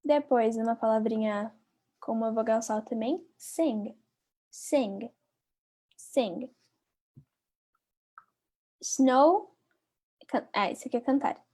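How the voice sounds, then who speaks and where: A woman with a Brazilian Portuguese accent teaching a live online English lesson. She repeats each word slowly and talks directly to her viewers. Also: fairly high pitch, dark tone. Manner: patient, drills words by repeating them slowly, chatty asides to viewers.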